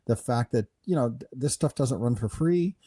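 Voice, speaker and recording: A man's voice: mid-range voice, expressive, normal speed, mellow, slightly rough. A man from Denmark co-hosting a podcast in casual chat, rambling with many restarts and "right?" asides. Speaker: podcast co-host.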